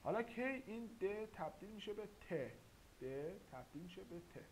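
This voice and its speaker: Slow, deliberate man teaching grammar. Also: high voice, lively intonation, poor audio. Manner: slow, deliberate, spells out sounds one by one. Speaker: language teacher. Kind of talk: grammar lesson. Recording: faint hiss.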